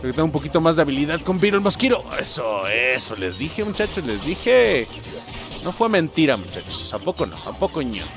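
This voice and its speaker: Lively Mexican man commenting on gameplay. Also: fairly high pitch, a little fast, faint music behind. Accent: Mexican Spanish. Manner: animated, swears often, keeps addressing viewers as "muchachos". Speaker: gameplay streamer.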